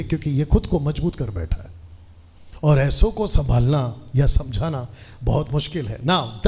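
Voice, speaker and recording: A man's voice: a little high, darkish tone, husky. A man in his forties, a pastor, preaching a sermon to a live congregation, often calling on them to answer aloud together and slipping English phrases into his talk. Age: 40s. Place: church hall with a seated congregation.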